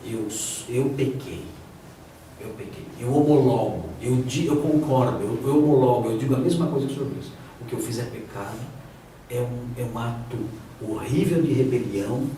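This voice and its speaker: Echoey pastor lecturing a class. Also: male voice, mid-range voice, normal speed, mellow. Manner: conversational, acts out quoted voices. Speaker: pastor teaching a preaching class. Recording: echoey room, distant mic, noisy.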